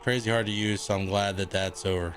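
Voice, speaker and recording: A man's voice: lowish voice, fairly even intonation, a little fast, a bit bright, soft background music. A man streaming a video game, chatting casually, thinking aloud and swearing freely. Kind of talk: casual gaming livestream commentary.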